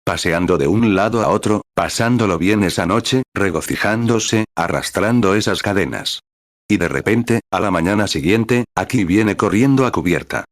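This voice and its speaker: A man reading a translated sermon aloud in a steady, measured way, calling out verse and paragraph numbers as he retells scripture stories. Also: lowish voice, no room sound, studio quality. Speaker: sermon reader.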